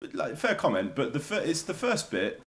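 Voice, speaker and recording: Casting: male podcast co-host, animated pitch, tongue-in-cheek casual banter. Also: moderate pace.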